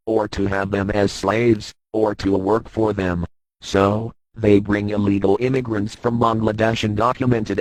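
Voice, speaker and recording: A man reading out an anonymous statement in a disguised deep voice, slow and deliberate. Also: a little mellow, no echo, rough recording. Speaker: anonymous speaker reading a message. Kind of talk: read-out political statement.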